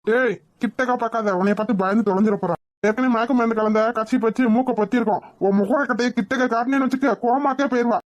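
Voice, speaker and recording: A woman's voice: on the high side, fast, no room sound, lo-fi sound, faint music behind, close to an everyday voice. A woman voicing a jumpy young getaway driver. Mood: scolding. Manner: snappy, scolding. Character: nervous young man driving a getaway car, bossy.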